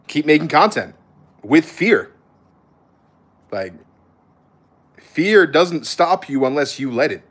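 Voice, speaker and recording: Answering viewers' questions during a casual livestream, an American-accented man who creates content talks in a blunt, slangy, conversational way. His husky voice sits on the high side and is sing-song and slow, with frequent pauses.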